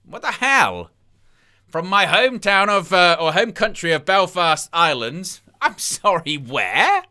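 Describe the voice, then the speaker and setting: Sitting high with big pitch swings, the man's sharp voice moves at a measured pace. He's hosting a live wrestling watchalong, wandering through incredulous remarks and reading chat aloud in between pleas for likes.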